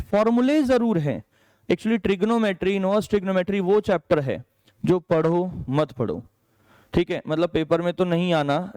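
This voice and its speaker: High, clear-voiced Indian maths teacher. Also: male voice, a little mellow. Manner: chatty, checks in with "ठीक है", calls students "बेटा"; mixes English subject terms into Hindi. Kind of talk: exam strategy lesson.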